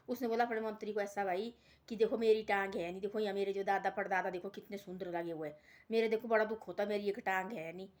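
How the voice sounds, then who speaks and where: Rambling woman telling a folk tale. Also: medium pitch. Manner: rambling, repetitive, peppered with "bhai". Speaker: storyteller. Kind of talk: casual oral folk storytelling.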